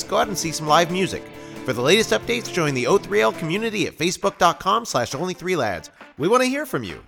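A man hosting a podcast, reading an upbeat scripted outro. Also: a little high. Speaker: podcast host. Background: music playing.

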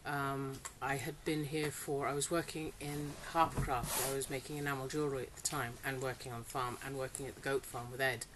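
Rumbling low and level in tone, this middle-aged woman talks fairly quickly with few pauses. Raised in Singapore, she's a farmer giving a casual interview about her farm, chatty, laughing often and hesitant with fillers. Rain hits the polytunnel she's in, and a faint hiss lingers.

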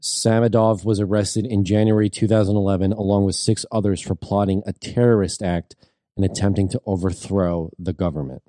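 A man's voice: on the low side, steady tone, fairly quick, warm tone, no echo, clean studio sound. A man co-hosting a news show, reading out reports hesitantly with many fillers. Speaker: co-host.

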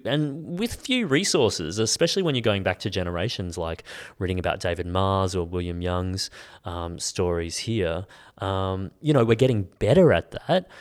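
An Australian man with a fairly low voice talks as a guest on a podcast interview. He is lively and expressive, leaning on ums as he thinks aloud. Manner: animated, expressive, frequent "um" fillers. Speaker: guest author and editor.

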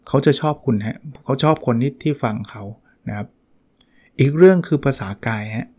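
Speaking at a medium pitch with a darkish tone and some vocal fry, this man runs a book review podcast on his own. His talk is casual and chatty, and he performs short quoted examples along the way.

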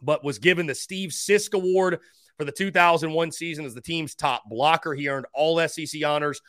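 Man, sports host, fairly high voice, top-list countdown commentary, emphatic name announcements, close dry recording. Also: moderate pace, a bit bright, no room sound. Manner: emphatic announcing of each ranking and name, addressing listeners as guys.

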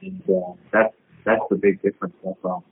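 A man being interviewed, speaking in a halting, rambling way with lots of fillers. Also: lowish voice, big pitch swings, a little hiss or hum. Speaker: interviewed pro cyclist. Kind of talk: recorded interview. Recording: husky voice over a tinny phone line.

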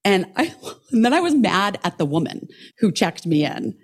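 A woman co-hosting a podcast, telling a story in casual chat, animated and swearing freely while acting out what others said. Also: mid-range voice, normal speed. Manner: animated, swears a lot, acts out quotes. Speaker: podcast co-host.

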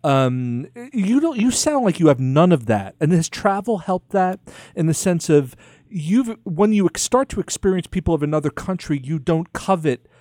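A man's voice: fairly high pitch, very animated, moderate pace, dark tone, dry recording, studio quality. A man hosting a podcast interview, asking long, meandering questions with many restarts. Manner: rambling, searching questions with restarts. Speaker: podcast host. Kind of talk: casual interview.

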